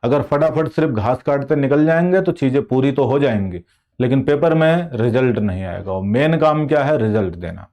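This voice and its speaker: A man's voice: medium pitch, lively intonation, normal speed, darkish tone. A man teaching an online exam-prep class. He explains patiently, asks the class questions and then answers them himself. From India. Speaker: Hindi teacher.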